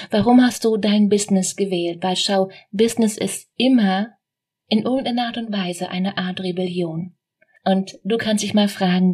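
Female podcast host, business coach, husky edge, direct and persuasive monologue. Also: medium pitch, a little mellow. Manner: direct, coaching, addresses listener with rhetorical questions.

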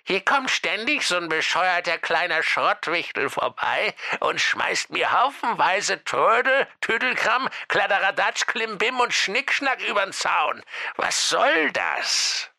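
A grumpy old gingerbread witch, played by a man, scolding in a high, shrill register. Her bright, cross voice carries the bite of a storybook villain. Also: big pitch swings, takes it slowly, gravelly, full character voice. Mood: indignant. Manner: scolding, indignant.

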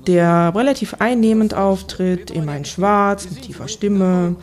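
A woman working as a correspondent, explaining things in a conversational reporting style with a creaky voice. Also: medium pitch, a little slow, darkish tone.

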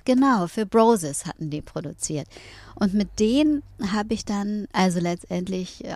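A middle-aged woman from northern Germany, talking as an interview guest in a thoughtful way, pausing often with fillers. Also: on the low side, darkish tone, dry recording. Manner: thoughtful, with many hesitations and fillers. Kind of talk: reflective conversation.

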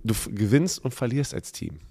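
A man co-hosting a casual podcast, talking in a chatty way and telling stories excitedly. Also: mid-range voice, moderate pace, vocal fry, slightly rough. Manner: chatty, bursts of laughter, excitable retelling. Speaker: podcast co-host. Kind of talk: casual chat.

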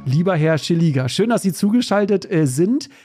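A man from Germany hosts a health podcast, reading a scripted intro before asking his guest friendly questions peppered with many "äh" fillers. His voice is high and animated at a moderate pace, with music underneath.

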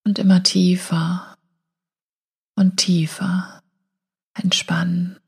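A woman guiding a hypnotic meditation in a slow, soothing hypnotist voice, breathy and often falling near a whisper, with long pauses. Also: lowish voice, flat delivery, darkish tone. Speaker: meditation guide and show host.

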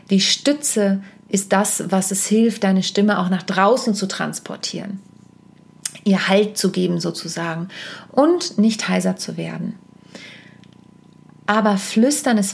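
A middle-aged woman hosts a casual advice podcast, speaking close to her microphone. Her mid-range voice carries a gravelly fry at times. She talks directly to the listener, chatty and self-correcting, with frequent asides. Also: mid-range voice. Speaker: podcast host and stage coach.

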